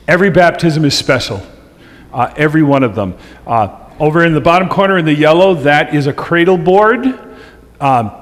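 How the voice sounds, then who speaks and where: A middle-aged male pastor tells stories to his congregation in a relaxed, chatty manner. His voice sits a little high for a man, and it rings with the long reverb of a church sanctuary. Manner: chatty and humorous, laughing at his own stories. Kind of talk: church presentation with storytelling.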